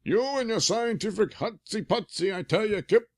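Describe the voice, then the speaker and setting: A man's voice: high voice, normal speed, pitched above the performer's own voice. A man voicing a stubborn old-school police sergeant in a blustering, folksy way while reading a comic aloud.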